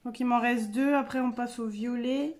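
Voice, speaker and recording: High-voiced chatty woman vlogger. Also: fairly even intonation, normal speed, a little mellow, soft background music. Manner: chatty, filler-heavy, self-correcting. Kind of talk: casual chat while swatching paints.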